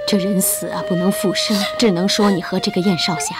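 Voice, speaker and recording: A woman's voice: medium pitch, steady tone, brisk, close to an everyday voice. An actress playing a middle-aged mother who coaxes and fusses over her daughter in a martial arts film. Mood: fussing. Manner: coaxing, fussing, soft sighs. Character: doting middle-aged mother, fussy and soothing. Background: film score music.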